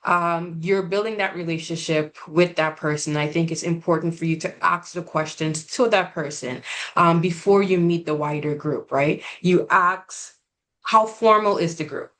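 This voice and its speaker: Measured woman on a webinar panel. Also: on the low side, fairly bright tone. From Guyana. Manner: earnest, measured, with frequent "um" and "right?". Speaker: regional representative. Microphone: video call.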